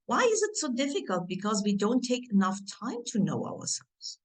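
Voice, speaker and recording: A woman's voice: a little high, sing-song, moderate pace, low-quality recording. Middle-aged woman coaching on a video call. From Turkey, grew up in Germany. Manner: warm, encouraging, interactive with audience. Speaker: career and family coach. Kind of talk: online workshop presentation.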